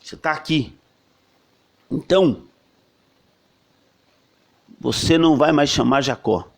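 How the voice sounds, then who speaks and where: A man voicing a solemn male angel of God, speaking slowly, low and gravely.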